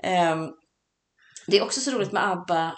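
A woman co-hosting a casual chat about songs, talking in a playful, chatty way. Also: on the low side. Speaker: podcast co-host. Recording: echoey room.

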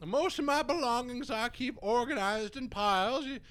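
An actor playing a very old, frail hermit who wails grandly and at length in flowery, theatrical comic audio drama style. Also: male voice, extremely high pitch, a bit bright. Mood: hospitable, rambling. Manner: grandiloquent, wailing, drawn-out complaints in flowery speech. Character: very old, frail, melodramatic male woodland hermit.

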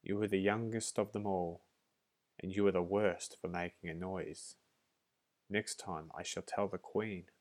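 Guy reading as a bossy old nurse bee, scolding, deep low voice. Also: steady tone, measured pace. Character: stern old female head nurse bee.

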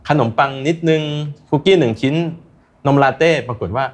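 In a casual chat, a recreational runner appears as an interview guest, earnestly offering advice drawn from personal experience. He has a mid-range voice and speaks at a normal speed.

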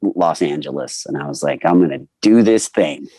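A man in his forties, a voice actor telling animated anecdotes in a casual interview and acting out the people he quotes. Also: a bass voice, moderate pace, no room sound. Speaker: voice actor guest.

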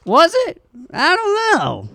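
A teenage boy co-hosting a school morning radio show, excitable and stammering, with big dramatic reactions. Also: extremely high pitch, takes it slowly, vocal fry, no echo, studio quality. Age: teens. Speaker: student radio co-host.

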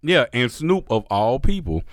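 A man's voice: medium pitch, big pitch swings, a little slow, no room sound. An American man chatting casually as a podcast host, slangy and emphatic, often repeating phrases for effect. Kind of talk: casual chat.

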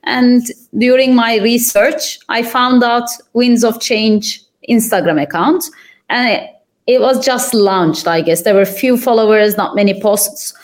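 Young woman from turkey talking on a podcast, thoughtful, lots of uhs and pauses. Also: on the high side. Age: young adult. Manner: thoughtful, pauses with frequent fillers. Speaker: podcast guest. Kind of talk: conversational interview answers.

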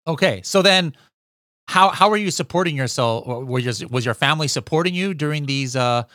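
A man hosting a podcast in casual interview chat, upbeat and quick with follow-up questions. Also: a little high, pushed and bright, no echo, clean studio sound. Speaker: podcast host.

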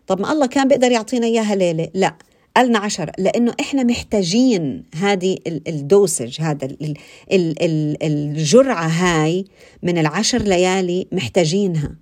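A woman giving an informal religious talk, conversational and animated, repeating phrases and asking her listeners questions. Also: fairly low pitch, a little fast. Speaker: religious speaker.

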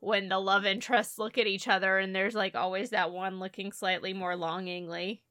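A woman's voice: medium pitch, level tone, normal speed, sharp tone, no echo, studio quality. A young woman co-hosting a casual movie recap podcast, emphatic and jokey, often laughing into her lines. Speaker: podcast co-host.

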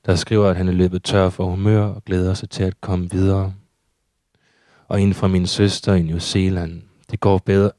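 A man reading his own surreal prose poetry aloud in a steady, measured recitation. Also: low-pitched, dry recording, studio quality.

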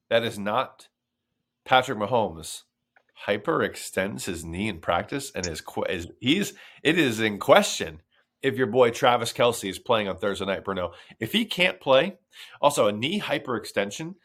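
A man's voice: mid-range voice, fairly bright tone. A man co-hosting a sports podcast, chatting in a sarcastic, profane, conversational way. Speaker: podcast co-host. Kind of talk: casual sports chat.

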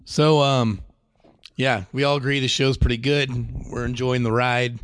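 A man hosting a casual TV podcast, relaxed, putting questions to his co-hosts. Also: medium pitch, moderate pace, clean tone, no echo, studio quality. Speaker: podcast host. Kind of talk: casual chat.

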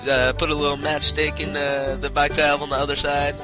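A man's voice: a little high, monotone, fairly quick, music in the background, close to an everyday voice. A man putting on a Southern accent as a folksy how-to show host, rambling and tripping over part names. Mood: instructional. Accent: put-on American Southern.

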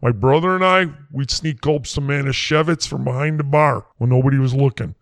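A man's voice: mid-range voice, a little fast, creaky, dry recording, studio quality, lightly acted. A man playing a blustering, folksy quack doctor, rambling in a comedy sketch. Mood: boastful. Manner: rambling, brash, folksy slang.

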